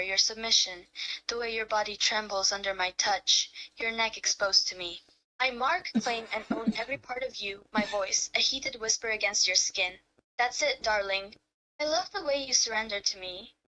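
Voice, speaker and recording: [name], a woman playing a bright-voiced possessive lover. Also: fairly high pitch, normal speed, low-quality recording. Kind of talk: live-streamed romantic roleplay reading.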